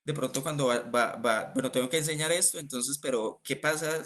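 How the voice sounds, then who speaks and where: Man, course participant, video call, rapid speech, hesitant, thinking aloud. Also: medium pitch, fairly bright tone. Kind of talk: class discussion over video call.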